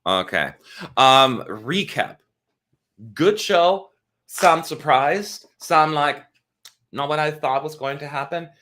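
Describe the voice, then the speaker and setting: A man's voice: a little high, slow, pauses often. A man co-hosting a live stream in casual chat, talking with many fillers. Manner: chatty, lively intonation, many fillers.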